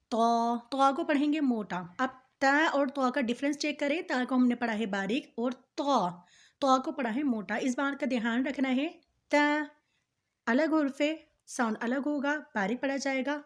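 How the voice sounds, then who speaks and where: A woman Quran teacher giving a patient lesson on letter sounds, drawing each letter out slowly and repeating every point. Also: high-pitched. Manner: slow drawn-out letter recitation between explanations.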